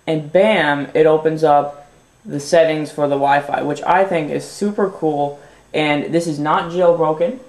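A young man hosts a laid-back tech video explaining something on a phone, sounding mildly stuffy because of a runny nose. His manner is upbeat and relaxed with lots of fillers, his pitch is slightly high, and the room has a noticeable echo.

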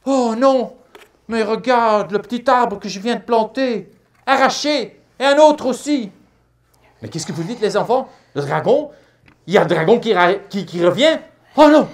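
A woman playing a brave, excitable little girl knight-errant in a theatrical children's storytime, animated and exclamatory. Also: a little high, normal speed. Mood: alarmed. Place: live storytime stage.

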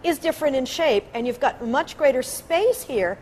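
High-pitched woman scientist, nature documentary. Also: expressive, normal speed, a little mellow. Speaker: paleontologist interviewee. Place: indoor laboratory. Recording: faint room ambience noise.

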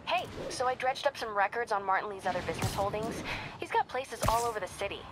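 A woman playing a brisk young reporter. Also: medium pitch, music in the background, natural voice.

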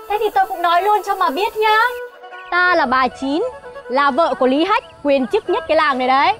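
A woman plays a sharp-tongued village wife who mocks and scolds. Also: very high voice, lively intonation, soft background music. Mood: haughty. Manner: scolding, mocking, quick retorts. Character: sharp-tongued, mocking village wife of a middle-aged official. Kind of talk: folk comedy TV acting.

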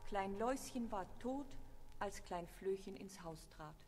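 A woman reading a fairy tale aloud in a calm, measured storytelling voice. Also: medium pitch, a little hiss or hum. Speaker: narrator. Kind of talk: scripted fairy-tale narration.

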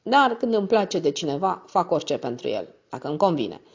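A woman reading the part of a drunk, coarse older woman who is suspicious and greedy for whisky, with a thick, boozy voice and rough slangy talk. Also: fairly low pitch, sing-song, a little mellow, full character voice. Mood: coarse, tipsy. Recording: slightly muffled recording.

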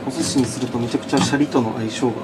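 A man in his thirties talks quickly and easily from behind a small sushi counter, explaining each fish as he prepares it. Restaurant ambience runs loudly under his voice. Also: mid-range voice, steady tone, heavy background noise. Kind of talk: casual explanation while working.

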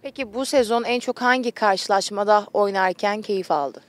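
Standing outdoors on a training pitch, a woman with a mid-range voice asks questions as a sports interviewer, holding a handheld microphone. She speaks at a moderate pace.

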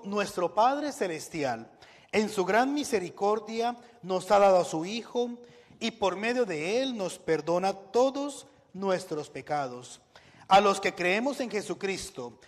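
A man leading a church service as minister, solemn and measured, with a long echo from the church hall around him. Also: high voice. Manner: solemn, measured liturgical delivery. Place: large church.

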